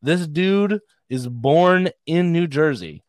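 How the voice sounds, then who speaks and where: A man's voice: a little high, expressive, takes it slowly, darkish tone, dry recording. A man, a comedian, telling rambling, self-deprecating stories in a casual podcast chat. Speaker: comedian guest.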